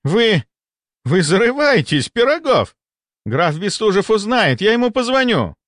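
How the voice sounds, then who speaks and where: A man voicing a shrill, bullying middle-aged male hospital deputy chief in an audiobook, with a hectoring, indignant manner. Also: very animated, moderate pace, fairly bright tone, clear, resonant tone, no room sound, clean studio sound. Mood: outraged. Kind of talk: audiobook character voice.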